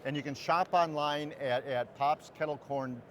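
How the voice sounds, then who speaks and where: A man's voice: on the high side, normal speed, slight background noise. A man from Wisconsin hosting a cooking show in a big indoor station hall, chatty and eager, often stumbling over repeated words.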